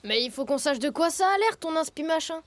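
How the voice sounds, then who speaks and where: A woman's voice: sits high, lively intonation, brisk. A woman voicing a bold, eager young animal cub in a children's cartoon, with a direct, feisty manner. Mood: curious. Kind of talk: French children's cartoon voice acting. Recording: music under the voice.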